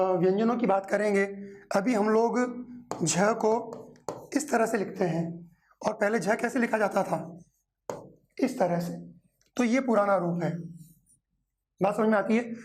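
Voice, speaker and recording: A man's voice: high-pitched, darkish tone. A man teaching a Hindi grammar lesson in an exam-prep lecture. He drills pronunciation by stretching out sounds, repeating his own questions and answers, and calling on viewers as friends to speak along.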